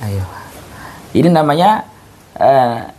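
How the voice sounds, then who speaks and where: A man's voice: mid-range voice, very animated, takes it slowly, warm tone. A male teacher giving a casual, repetitive grammar lesson, often breaking off mid-word and restarting. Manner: casual classroom talk with tags like "ayo" and "gitu". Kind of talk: informal recorded grammar lesson.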